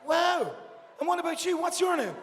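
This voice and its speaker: A man's voice: very high voice, expressive, moderate pace, a bit bright, long reverb tail, slight background noise. An Irish man hosting a live awards ceremony, chatty and jokey as he interviews guests. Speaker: awards show host.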